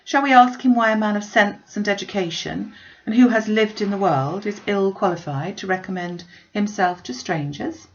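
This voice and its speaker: In this storybook reading, a woman lightly acts the part of a spirited young gentlewoman who talks with arch wit, teasing in a playful, mock-serious way. The voice sits in the mid-range with a creaky edge, the pace is normal, and the audio sounds slightly muffled.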